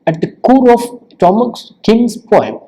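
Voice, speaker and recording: A man giving a recorded literature lecture, explaining slowly, repeating words for emphasis and filling pauses with "you know" and "uh". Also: very high-pitched, very animated, dark tone, rough recording.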